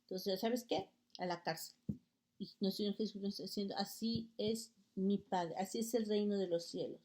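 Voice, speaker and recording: A woman preacher reads scripture aloud and then explains it. She often stumbles and restarts as she reads, and she keeps calling her listeners brothers and sisters. Her voice has an average pitch for a woman. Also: moderate pace, darkish tone. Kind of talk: sermon reading scripture.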